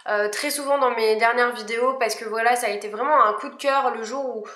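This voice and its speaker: A woman's voice: on the high side, fairly even intonation, a little fast, a bit bright, reverberant. A young woman chatting casually through a makeup review, full of fillers and restarts. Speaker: beauty vlogger.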